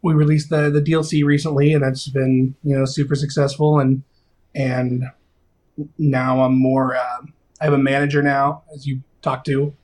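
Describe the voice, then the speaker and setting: A video game composer in his thirties talks casually in an interview at a normal speed and medium pitch. He rambles excitably, full of fillers and restarts.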